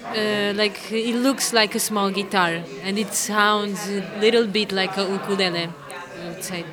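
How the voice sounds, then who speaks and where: A woman's voice: mid-range voice, steady tone, unhurried. A woman from Portugal, answering interview questions in a hesitant way with many fillers and restarts. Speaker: interviewee, amateur musician. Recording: crowd chatter behind.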